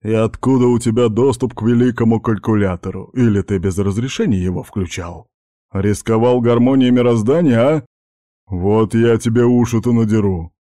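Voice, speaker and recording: A man voicing a stern, domineering baritone voice inside someone's head in an audiobook. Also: moderate pace, mellow, dry recording, clean studio sound, close to an everyday voice. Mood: bossy.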